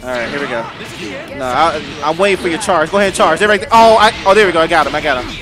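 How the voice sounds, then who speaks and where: A high-pitched man calling out his own online match as it happens. He talks at the screen, cheers, groans and shouts at his opponent, with game music clearly playing underneath. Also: very fast. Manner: excitable, talks to the screen, frequent outbursts and shouts. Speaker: gaming channel host. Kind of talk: live gameplay commentary.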